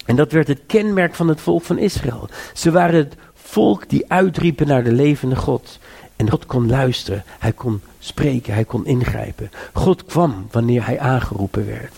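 Male preacher, husky gravelly voice, earnest repeated appeals, sermon delivery. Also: moderate pace, a little mellow. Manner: earnest exhortation, repeats and rises in pitch to urge listeners.

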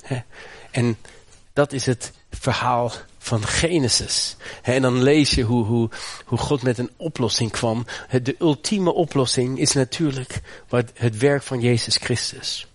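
A man from the Netherlands preaching a sermon with passion, swinging from low, grave lines to high, fervent ones, often repeating words as he builds. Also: measured pace. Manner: repeats words and restarts phrases. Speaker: pastor.

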